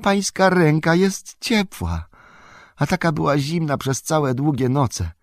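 A man reading an audiobook, voicing an eager, devoted young male hobbit servant in an excited, exclamatory manner. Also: on the low side, normal speed, slightly rough, no room sound, clean studio sound. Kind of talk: audiobook character voice.

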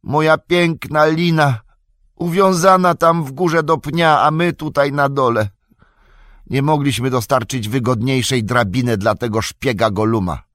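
A man's voice: medium pitch, measured pace, fairly bright tone, no room sound, studio quality, voice pushed up, natural voice. A man voicing a loyal, fretful young male hobbit servant who talks in a plain, earnest and agitated way. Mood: dismayed.

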